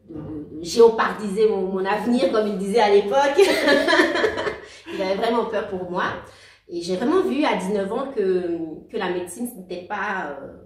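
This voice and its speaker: In a relaxed interview, a guest in her forties from outside Belgium recounts her life, warmly and haltingly, often laughing, restarting, and returning to what she said. Her medium-pitched voice sounds slightly distant, as if on a video call in a roomy room.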